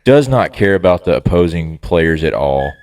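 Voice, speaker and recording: A young man with a very deep voice talks as a podcast guest about pitching. His chat is easygoing and full of sporty slang, relaxed rather than formal. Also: normal speed, far from the mic. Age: young adult. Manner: laid-back, sporty slang. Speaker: college baseball pitcher guest.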